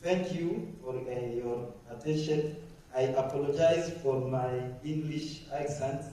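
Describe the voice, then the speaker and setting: A French-speaking man delivers an academic talk slowly, stopping often to search for words. His voice is mellow and set in a slightly raised register. It sounds distant, with heavy echo from a large hall. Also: a little high. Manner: halting, many hesitations and restarts. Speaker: conference presenter. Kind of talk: academic presentation. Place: conference hall. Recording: echoey hall, mic far off.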